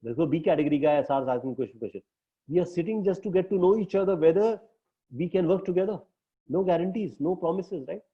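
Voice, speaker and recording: A man's voice: sits high, fast. Emphatic Indian English male coach. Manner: emphatic, repeats tag questions. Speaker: business coach. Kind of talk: coaching talk to a team. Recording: dull lo-fi recording.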